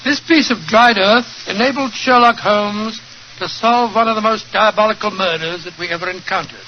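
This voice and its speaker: A man playing a genial older English doctor telling his tales in an avuncular, unhurried way, with a British accent, in 1940s radio drama style. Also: high voice, natural voice. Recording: muffled, noisy 1940s radio recording.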